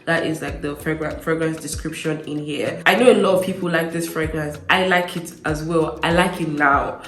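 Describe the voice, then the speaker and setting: A beauty vlogger chats casually to camera presenting perfume reviews, her low voice slightly nasal because she's recovering from a cold. She speaks at a moderate pace with fairly even intonation and a somewhat bright tone in an echoey room, repeating words to stress her points.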